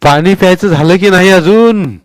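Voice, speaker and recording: Booming old village landowner, gruff and teasing, raised high and loud, read by a male storyteller; dry storybook sound. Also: normal speed, no room sound, close to an everyday voice.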